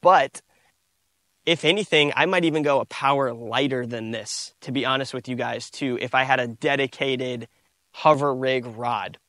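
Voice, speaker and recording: A man, giving a relaxed outdoor fishing tutorial from a boat on a lake, recorded on a lapel mic. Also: medium pitch, normal speed, no room sound. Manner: relaxed, repeats "again" and "you guys". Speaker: fishing instructor.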